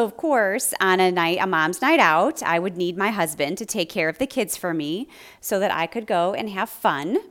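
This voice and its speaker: A middle-aged woman hosting a talk about marriage, candidly telling a personal story with laughs along the way. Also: fairly low pitch. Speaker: podcast host on marriage.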